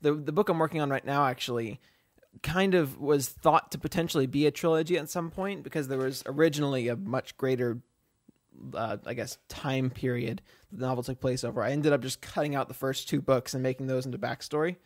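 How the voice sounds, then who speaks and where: A man's voice: mid-range voice, fairly even intonation, fairly quick, no room sound. A young man co-hosting a writing podcast, talking casually with a self-deprecating, rambling manner. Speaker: podcast co-host.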